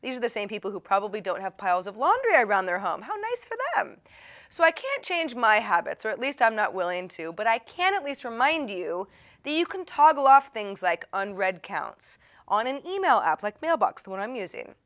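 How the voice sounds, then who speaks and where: This tech tips host has a medium-pitched, slightly bright voice with big swings in pitch, and she talks a little fast. Her address to viewers is chatty, playful and wry, partly scripted and partly off the cuff.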